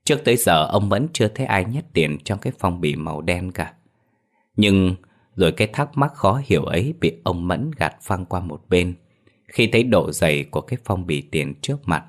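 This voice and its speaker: A man narrating a horror story in a steady, ominous way. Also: low-pitched, moderate pace.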